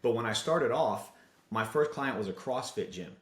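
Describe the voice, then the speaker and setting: A man talking as a podcast guest, telling stories and giving motivational advice with energy. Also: mid-range voice. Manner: energetic storyteller, motivational, fast asides. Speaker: podcast guest, digital marketing agency owner. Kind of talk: casual interview chat. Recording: roomy echo.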